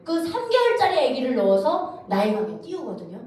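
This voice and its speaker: A high-voiced woman from North Korea gives her testimony in a church, with a lively, up-and-down way of telling it. She acts out the voices she quotes as she goes. The voice sounds distant and echoes through a large hall, with a faint hiss behind it. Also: a little fast. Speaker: guest speaker giving testimony. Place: church sanctuary.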